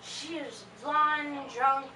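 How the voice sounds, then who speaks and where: A woman's voice: sits high, very slow, bright, forceful tone, full character voice. A woman playing a giggly, tipsy teenage girl. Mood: breezy. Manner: breezy, rambling, giggly. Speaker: convention panel performer. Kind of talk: live comedic stage monologue. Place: convention panel room before a laughing audience. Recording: echoey room from far off, noisy.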